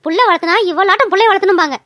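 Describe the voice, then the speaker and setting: A woman's voice: very high-pitched, very fast, a bit bright, no room sound. A woman voicing a stern village mother who lectures and scolds her children, in a cartoon. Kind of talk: cartoon voice acting.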